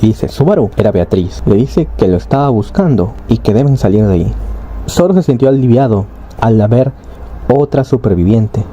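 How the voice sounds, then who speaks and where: A man's voice: medium pitch, normal speed, warm tone, lo-fi sound, slight background noise. A man casually retelling an anime story, rambling along with fillers and tag questions. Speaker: anime recap narrator.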